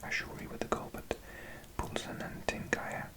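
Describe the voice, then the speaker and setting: Speaking in a soft ASMR whisper, a man from Wales in his forties works slowly down a list of results. He breaks it up with friendly, conversational asides.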